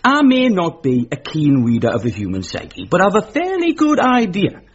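Cheeky high-voiced servant, wildly expressive. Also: male voice, moderate pace, husky, dull audio, exaggerated voice. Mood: prodding. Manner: blunt, bantering, bluffing. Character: cheeky, gullible servant valet, an ordinary working man. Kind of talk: radio comedy drama acting.

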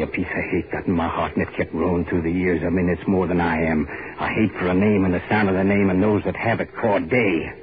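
A bitter old servant, super deep, mocking, scratchy old radio recording. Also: male voice, phone-quality sound. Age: older. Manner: grim, taunting. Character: bitter old male island servant, hateful. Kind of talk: 1940s radio acting.

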